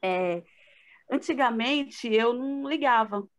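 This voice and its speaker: A woman's voice: fairly high pitch, slow. Earnest middle-aged Brazilian woman. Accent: Brazilian Portuguese. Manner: earnest, reflective, with frequent fillers. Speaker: guest speaker. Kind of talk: personal testimony in a live talk.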